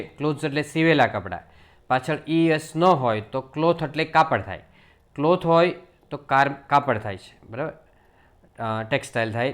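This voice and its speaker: A man with a Gujarati accent giving a spoken English pronunciation lesson. He explains in plain teaching talk and says each English word slowly, again and again. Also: on the high side.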